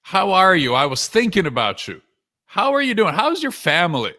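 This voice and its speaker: In a live webinar, a male sales coach and author speaks at a moderate pace, his high-pitched, sharp voice swinging widely in pitch. He keeps it conversational with short, punchy lines and plenty of rhetorical questions.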